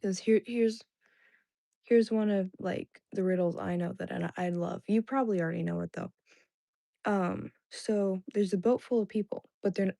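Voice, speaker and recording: Her voice sits on the low side, warm with vocal fry and no echo, as this young streamer, Indonesian by first language, rambles casually to her live chat viewers. She's filler-heavy, dropping lots of "like"s and restarting sentences.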